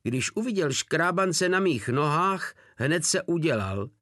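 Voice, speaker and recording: A man's voice: on the high side, lively intonation, bright, forceful tone, dry recording, studio quality, voice pushed up. A man doing a brash young woman. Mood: indignant.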